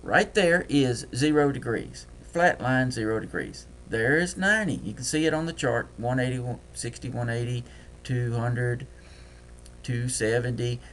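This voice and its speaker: A man with a Deep South accent, talking fast and folksy through a screen-recorded trading software tutorial. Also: a little hiss or hum. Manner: folksy, talks fast while clicking.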